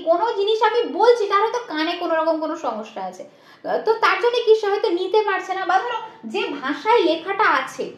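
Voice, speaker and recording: A woman with a West Bengal accent delivers a rapid, very high-pitched exam-prep lecture. She keeps asking rhetorical questions and checking that her students follow. The room around her is echoey. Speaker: teacher.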